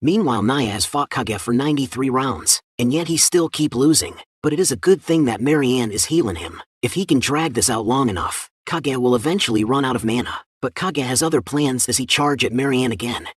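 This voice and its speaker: A man narrating a comic story recap as a steady scripted read-through. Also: mid-range voice, brisk, hardly any pauses, breathy edge, no room sound, clean studio sound.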